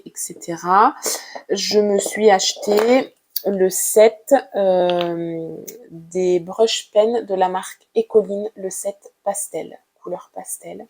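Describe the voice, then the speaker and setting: A woman art vlogger walks through her drawing materials in a casual show-and-tell. She speaks at an unhurried, slow pace, gentle and soft-spoken. She pauses often and fills the gaps with hesitant fillers. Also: mid-range voice. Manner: hesitant, with frequent "euh" fillers.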